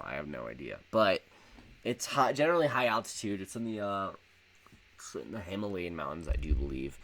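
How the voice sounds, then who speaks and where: A man's voice: lowish voice, fairly bright tone. A man hosting a video, talking through his opinions in a rambling, offhand way, with frequent fillers and casual swearing. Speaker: video host ranking flags. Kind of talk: casual unscripted commentary.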